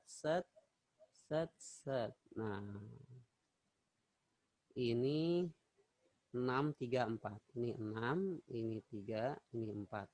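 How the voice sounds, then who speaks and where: A man's voice: mid-range voice, no room sound. A male teacher giving an online math lesson, chatty, correcting himself and quizzing his students.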